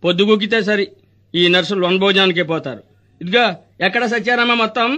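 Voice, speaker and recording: An actor playing a scheming, greedy hospital doctor in a stage comedy, firing off rustic wisecracks. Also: male voice, sits high, bright, forceful tone, lo-fi sound. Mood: mocking. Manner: rapid wisecracking, rustic dialect.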